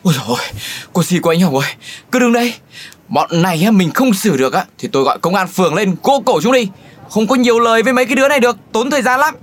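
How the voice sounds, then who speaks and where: A woman voicing a mild-mannered old male journalist who protests quickly and gets flustered in a comedic audio drama. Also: medium pitch, animated, lightly acted.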